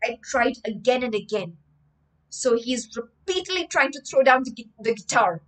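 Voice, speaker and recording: Livestreaming from home on webcam, a young woman reads a story with emphatic expression and frequently explains vocabulary as a teacher-storyteller. Her voice is fairly high and moderately paced, and the recording is rough.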